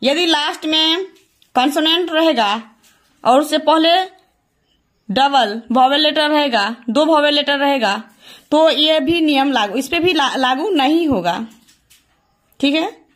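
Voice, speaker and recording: A woman's voice: sits high, fairly bright tone. A woman teaching English grammar, repeating each rule as a question and answering it herself. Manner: repeats key points as questions to students; slow and deliberate, drawing out rule statements. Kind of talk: classroom lesson explaining verb forms.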